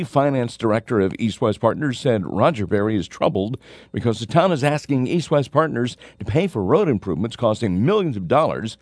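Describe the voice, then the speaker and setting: A man's voice: medium pitch, darkish tone, no room sound, clean studio sound. A man anchoring radio news, reading scripted local stories.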